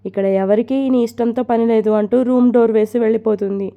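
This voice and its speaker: A woman's voice: on the high side, steady tone, fast, dull audio, natural voice. A woman voicing a strict mother who scolds her daughter and orders her about. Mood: scolding. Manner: scolding, commanding. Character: stern strict mother forcing a marriage.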